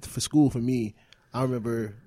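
A man's voice: mid-range voice, fairly even intonation, normal speed, warm tone, no echo. A man hosting a talk show in casual, conversational chat. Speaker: host of a wrestling talk show.

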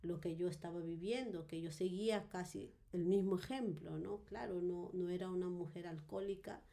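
Low gravelly woman telling her story, halting with lots of fillers. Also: steady tone, mellow. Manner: hesitant, many fillers and tag questions. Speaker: guest giving a testimony. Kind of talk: personal testimony in conversation.

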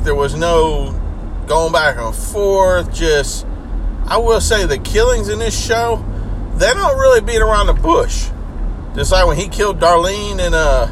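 Noticeable car and outdoor noise surrounds a man with a medium-pitched voice. He sounds a little congested. He chats casually as a host, in loose, folksy slang. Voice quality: slightly congested from allergies. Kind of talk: casual chat.

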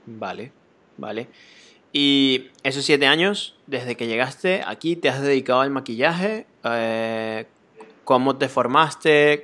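A man hosting a podcast interview, asking questions in a relaxed conversational way and often saying "vale" and "ok". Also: medium pitch. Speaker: podcast host.

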